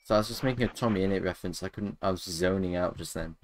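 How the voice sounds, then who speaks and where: Deep-voiced Englishman in a mock-posh tone. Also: very fast, background noise. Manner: playful teasing in a put-on posh voice. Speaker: gaming channel host. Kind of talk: casual gaming chat. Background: background music.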